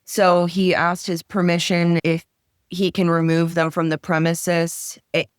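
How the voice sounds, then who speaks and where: Interviewee woman, urgent and quick, smooth resonant voice, dry close sound. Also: fairly low pitch, flat delivery, no room sound. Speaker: interviewee, witness. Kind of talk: recounting events in an interview.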